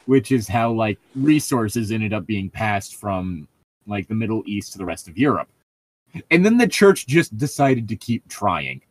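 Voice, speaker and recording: In an unhurried, very animated way, this lowish-voiced man rambles through casual chat and mocking commentary as co-host of a group read-along show. He's opinionated and swears freely. There's no echo on the recording.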